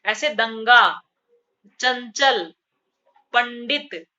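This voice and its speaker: Woman grammar teacher, bright and fairly high voice, quizzing herself as she explains, slightly dull lo-fi recording. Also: very slow. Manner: asks questions and answers them herself, repeats key terms. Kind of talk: classroom-style lesson.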